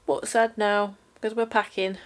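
A woman's voice: mid-range voice, flat delivery, a little slow, background noise. A woman in her thirties with a British accent, chatting casually to a handheld camera in a family holiday vlog. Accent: British English. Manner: chatty, upbeat, talking to the camera. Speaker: family vlogger. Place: holiday lodge and indoor shops. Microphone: handheld camera at arm's length. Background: background music.

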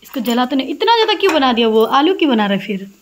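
Racing along in a high, sing-song voice, a woman chats and rambles to her phone camera around her small home, including the kitchen and balcony. She's a housewife vlogger holding the phone at arm's length, and household ambience comes through clearly behind her.

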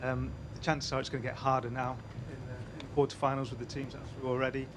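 A man's voice: medium pitch, flat delivery, fast, background noise. A male reporter asking a hesitant, filler-laden question at a press conference.

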